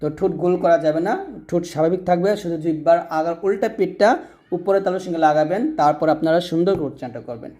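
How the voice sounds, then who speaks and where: Male recitation teacher, patient drill style, slightly high, mellow tone. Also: racing. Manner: patient, repetitive drilling with call-and-repeat prompts. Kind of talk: instructional lesson on Arabic letter pronunciation.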